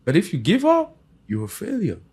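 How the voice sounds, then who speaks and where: A man's voice: high-pitched, normal speed, breathy edge. A man hosting a podcast, speaking casually and animatedly, originally from Africa with a local African first language. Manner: animated, laughs often, acts out quoted voices. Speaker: podcast host.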